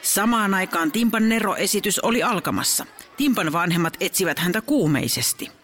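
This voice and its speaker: A woman narrating a children's audio story in a lively, brisk way. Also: mid-range voice.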